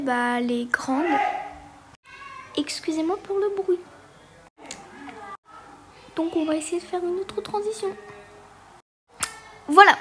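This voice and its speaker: With a high, slightly bright voice and a bit of hiss or hum on the recording, a Portuguese gaming creator talks casually through her gameplay. She sounds hesitant and chatty, leaning heavily on fillers.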